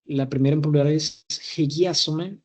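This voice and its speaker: A young man, a university student, reading out verb conjugation exercises carefully, pausing on fillers and correcting himself. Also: a little high, steady tone.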